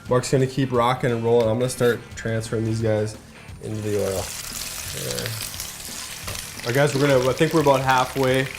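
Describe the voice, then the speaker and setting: A man with a mid-pitched voice hosts a casual cooking show, upbeat and chatty as he talks viewers through each step. Faint music and the sizzle of frying sit quietly behind him. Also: steady tone, a little fast, vocal fry, long pauses. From Minnesota. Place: garage kitchen. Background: faint background music and frying.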